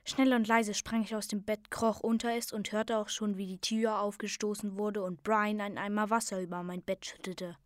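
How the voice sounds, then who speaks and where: A woman reading a fantasy story aloud in a calm, soft voice that sometimes drops to a near whisper. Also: medium pitch, normal speed, few pauses, no echo, clean studio sound.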